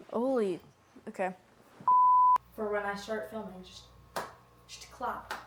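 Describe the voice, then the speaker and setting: A woman's voice: mid-range voice, steady tone, slow, echoey room, very noisy. A young woman hosting a travel vlog, chatting casually and rambling with lots of fillers between takes. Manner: giggly, rambling with many fillers. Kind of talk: casual vlog chat with bloopers.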